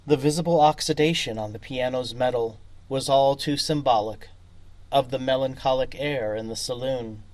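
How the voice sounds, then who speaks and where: A man reading his own short story aloud as narrator, in a deliberate storytelling manner. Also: medium pitch, a little mellow, no room sound. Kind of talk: scripted narration.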